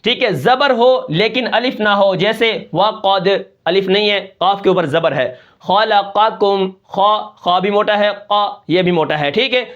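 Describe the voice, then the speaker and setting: A man with a Pakistani Urdu accent teaches tajweed in a raised, fairly high voice. He is patient and methodical, checking in often and repeating each sound slowly. The recording sounds slightly muffled and lo-fi. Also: a bit bright. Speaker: Quran recitation teacher. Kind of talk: tajweed lesson with recited examples.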